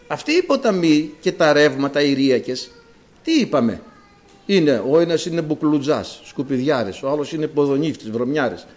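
A man preaching a sermon to his congregation, emphatic, with loud exclamations and quiet asides, and slow, solemn readings of scripture. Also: fairly high pitch. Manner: reads scripture slowly and solemnly.

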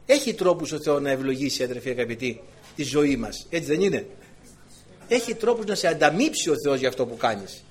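A male preacher with a husky, fairly high voice. He delivers his sermon as animated storytelling, and his pitch swings widely, leaping up whenever he gets excited. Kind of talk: sermon with anecdote.

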